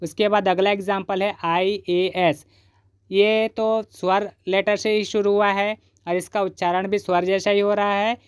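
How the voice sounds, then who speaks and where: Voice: mid-range voice, level tone, unhurried, clear, resonant tone, no echo, clean studio sound. A teacher from Chhattisgarh explaining grammar step by step, asking questions and then answering them.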